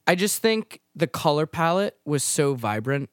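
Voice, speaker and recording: A man's voice: on the high side, big pitch swings, a little slow, clean tone, no room sound, studio quality. A man co-hosting a casual podcast chat who swears and repeats words when he starts a sentence. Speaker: podcast co-host.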